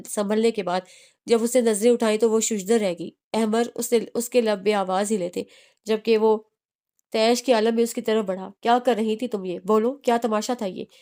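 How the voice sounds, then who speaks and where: Woman reading a romance novel out loud, steady, little restarts here and there. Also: medium pitch, clear, resonant tone. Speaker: audiobook narrator.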